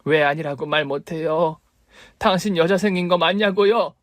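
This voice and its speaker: A man's voice: medium pitch, normal speed, dry recording, clean studio sound, natural voice. A man voicing a struggling young mother in a story radio drama, pleading and reproachful toward her husband.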